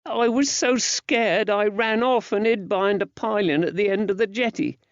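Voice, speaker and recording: A male narrator voices a frightened young working-class lad in an audiobook story, using a high, plaintive voice and rustic, old-fashioned dialect. The boy sounds grief-stricken, earnest, guilty and distressed, speaking at normal speed. The recording is dry and slightly dull.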